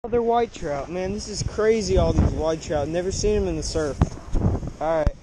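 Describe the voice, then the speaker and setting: Man muttering over loud beach wind. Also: sits high. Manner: muttering to himself, quick reactions. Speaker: angler filming his fishing trip. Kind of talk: casual running commentary. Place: windy ocean beach outdoors. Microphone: action camera at chest height. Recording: loud wind noise on the mic. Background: surf and wind.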